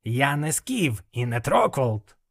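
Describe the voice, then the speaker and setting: A proud, stubborn demon hunter, as a male reader puts him on, declaiming in a steady, slow, pompous way. He speaks like a stiff swordsman from a fantasy storybook. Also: mid-range voice.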